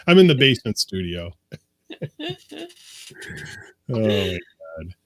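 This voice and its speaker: A man's voice: fairly low pitch, sing-song, takes it slowly, dry recording. A man co-hosting a casual podcast from his basement studio, joking crudely and laughing often. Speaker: co-host.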